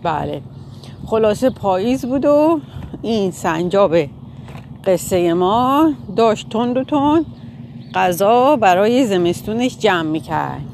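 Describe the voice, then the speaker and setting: A woman casually telling a children's story, pausing to explain animal names in English. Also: mid-range voice, lively intonation, creaky, darkish tone, a little hiss or hum. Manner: casual, informal, with fillers and self-corrections.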